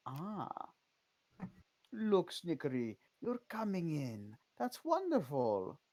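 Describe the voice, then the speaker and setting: A man's voice: fairly high pitch, wildly swooping pitch, slow pace, darkish tone, no room sound, voice pushed up, heavily acted. A man voicing a seductive, wicked female vampire with a purring, flirtatious way of talking in a tabletop game. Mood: teasing.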